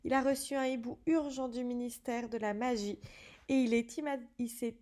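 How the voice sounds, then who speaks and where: A woman's voice: a little high, steady tone, normal speed, mellow, natural voice. A woman voicing a strict older female professor who speaks coldly and clipped. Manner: cold, clipped.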